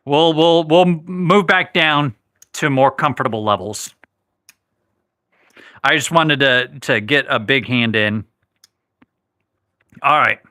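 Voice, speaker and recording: Bright-voiced man hosting a live craps stream. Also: mid-range voice, slow, long pauses, no echo, clean studio sound. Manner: chatty, reads viewer comments aloud, self-correcting. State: has the hiccups. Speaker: livestream host.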